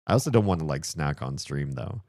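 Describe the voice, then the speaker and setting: A man's voice: very deep voice, expressive, a little fast, a little mellow, dry recording, studio quality. A man streaming a game, chatting casually in rambling, self-deprecating asides. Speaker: streamer voicing game characters.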